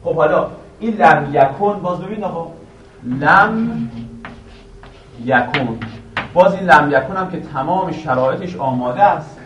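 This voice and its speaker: A male teacher giving a classroom grammar lesson, quizzing his students with questions and reciting a verse slowly again and again. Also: on the high side, dull audio, a little hiss or hum. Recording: echoey room, voice from a distance.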